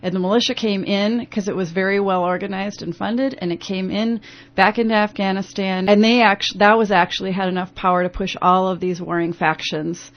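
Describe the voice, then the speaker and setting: A woman's voice: mid-range voice, steady tone, fairly quick. Rambling woman guest on AM radio. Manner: rambling, full of restarts and fillers. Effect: AM radio broadcast sound. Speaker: interview guest, youth program founder. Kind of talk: radio interview. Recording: dull lo-fi AM radio broadcast.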